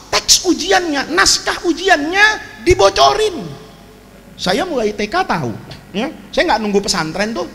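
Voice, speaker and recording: A man's voice: extremely high pitch, creaky. A man preaching a humorous sermon, telling stories with jokes and asides to the congregation. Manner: animated storytelling with jokes, frequent asides to the audience. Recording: reverberant hall, faint ambient noise.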